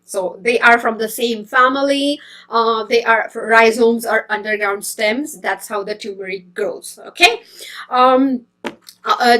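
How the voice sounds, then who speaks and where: A woman's voice: fairly high pitch, a bit bright. A woman from India, hosting a casual healthy-eating live stream, chatty and hesitant with many fillers and restarts. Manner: greets viewers and reads comments as she goes.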